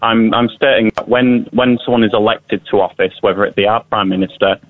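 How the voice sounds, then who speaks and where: A British man calling a radio show over a landline phone, talking in a calm, matter-of-fact way. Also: lowish voice, brisk. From Britain. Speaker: caller. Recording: tinny phone line.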